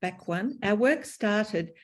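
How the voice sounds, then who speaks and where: An Australian woman, a teacher educator, giving a measured, slightly formal conference presentation over a video call. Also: mid-range voice, expressive.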